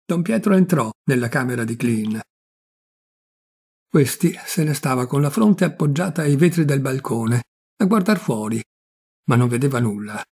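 A man narrating a classic short story in a measured, expressive reading. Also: mid-range voice, breathy edge. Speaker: audiobook reader. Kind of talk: literary narration.

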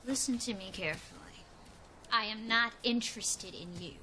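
Dismissive ex-girlfriend, high-voiced woman, cutting tone, noisy sitcom mix. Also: normal speed, bright, forceful tone. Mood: cold. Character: sharp-tongued woman flatly dumping her vain ex.

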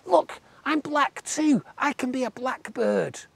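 Brief: narrator putting on a high, excitable little tadpole, stubborn, with a husky, gravelly edge and swooping pitch. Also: slow pace, no room sound, heavily acted. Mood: excited. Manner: eager, insistent, high and excited. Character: stubborn young tadpole who dreams of flying.

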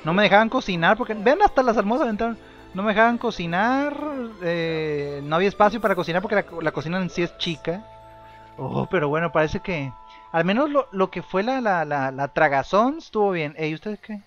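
A young man, casually commenting on his life-sim game in a rambling way, with sudden excited shouts. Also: sits high, a little fast, dull audio, soft background music. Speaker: gameplay streamer.

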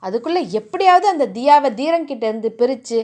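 A woman voicing a jealous, scheming young rival who talks bitter and sharp. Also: high-pitched, expressive, brisk.

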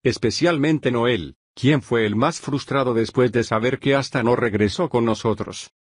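A man voicing a gruff grown male squad captain in a synthetic fanfic reading, grumbling his thoughts. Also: mid-range voice, moderate pace, no room sound, studio quality, lightly acted.

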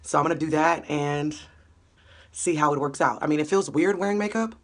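Her low, fairly quick voice fits a casual vlog chat. Filming on a close-held phone, the young beauty vlogger stays upbeat and slangy, starting in a small room at home before moving on to a city street and a gym.

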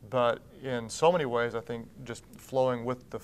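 A man's voice: medium pitch, steady tone, normal speed, slight background noise. A man in his thirties, a pastor speaking as a TV interview guest in a studio, earnest and often restarting his sentences. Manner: earnest, gestures with both hands, many restarts. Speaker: pastor and church founder. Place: TV studio set with blue drapes.

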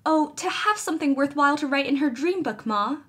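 A woman voicing an excitable young girl who tumbles over her words in alarm. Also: mid-range voice, normal speed, breathy edge. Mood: excited, alarmed. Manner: breathless, tumbling apologies.

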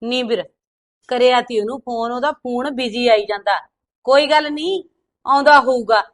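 A middle-aged woman acting a calm, practical mother who talks in a motherly way. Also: a little high, moderate pace, lightly acted. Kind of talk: short film dialogue.

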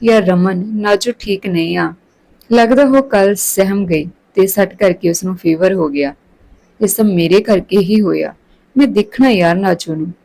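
A woman's voice: mid-range voice, moderate pace, creaky, warm tone, rough recording. A woman voicing a sincere young man in love, tender and anxious. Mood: worried.

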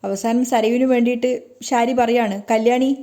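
Brief: woman narrator, quick chatty recap of a soap plot, mellow slightly high voice. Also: fairly even intonation. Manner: brisk, conversational storytelling. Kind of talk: casual story retelling.

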